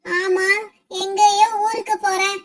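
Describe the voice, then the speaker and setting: A woman voicing a gentle, devoted young bride myna bird in a cartoon, in a very high, thin voice with earnest pleading delivery. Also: slow pace, noisy background, exaggerated voice. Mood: joyful. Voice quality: very high, thin and flat-toned. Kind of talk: cartoon voice acting.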